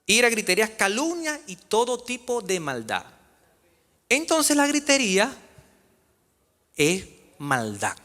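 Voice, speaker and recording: A man's voice: sits high, very animated, slow pace, long pauses, bright, forceful tone. A man preaching a sermon as pastor, questioning his congregation in a church. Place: church sanctuary. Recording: reverberant church hall.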